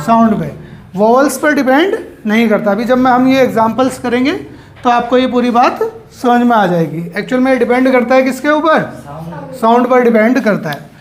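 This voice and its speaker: A woman teacher, giving a grammar lesson to children in a classroom. She asks questions and answers them herself, stretching out key words. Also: fairly high pitch. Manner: drawn out, slow words for emphasis.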